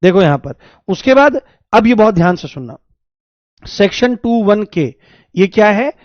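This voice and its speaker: A man's voice: sits high, big pitch swings, moderate pace, no echo, lo-fi sound. A man giving an exam coaching lecture on law, repeating key terms over and over and joking with his students. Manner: repetitive, drills terms, jokes with students. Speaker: law teacher.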